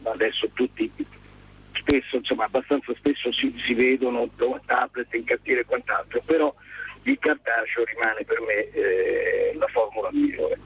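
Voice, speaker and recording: A man calling into a radio show on speakerphone from his car, explaining things in a polite, practical, measured way. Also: medium pitch, steady tone, a little hiss or hum. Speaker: guest electrician. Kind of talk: radio phone-in conversation. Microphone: car hands-free speakerphone. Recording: muffled phone-line speakerphone audio.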